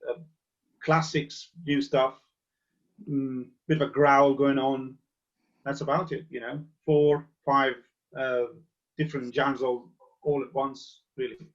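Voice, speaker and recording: A man in a casual interview, a relaxed, jokey storyteller talking about his past bands. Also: mid-range voice, takes it slowly. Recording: slightly muffled lo-fi sound.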